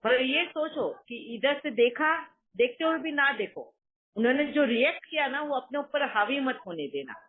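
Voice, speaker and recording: A woman spiritual teacher leading an online session, calmly reassuring and guiding a caller. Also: high voice, moderate pace. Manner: calm, reassuring, affirming with hmm and yes. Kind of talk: spiritual counseling talk. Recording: tinny online call audio.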